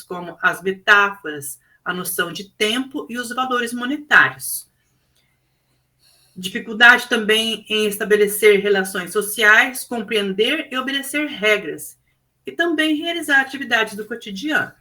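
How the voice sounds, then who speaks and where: Woman, Brazilian Portuguese accent, teacher giving a class presentation, bright clear tone, explanatory. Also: medium pitch, rough recording. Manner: explanatory, many fillers like "né".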